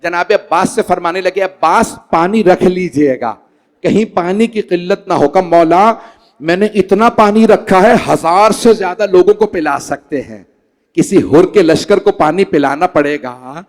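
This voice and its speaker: A man with a Pakistani Urdu accent, a cleric reciting a Muharram sermon before a congregation in a large hall, in a slow, drawn-out lamenting way that rises to pleading cries. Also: sits high, darkish tone. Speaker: Shia cleric reciting a majlis.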